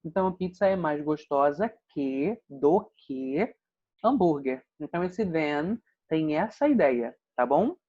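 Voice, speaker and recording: A man with a Brazilian Portuguese accent, an English teacher calmly explaining grammar in an online lesson. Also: on the high side, a little slow. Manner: patient, explanatory, frequent "né?" check-ins. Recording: dull lo-fi sound.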